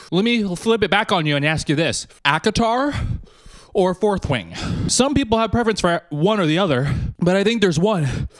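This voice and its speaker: A male YouTuber answering viewer questions in a casual, joking Q&A vlog with quick asides. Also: high-pitched, fairly bright tone, no echo, clean studio sound. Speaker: book and media YouTuber.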